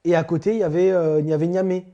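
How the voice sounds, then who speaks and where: A man's voice: on the high side, level tone, very fast, mellow, lo-fi sound. A man telling an anecdote in an interview, chatty and amused.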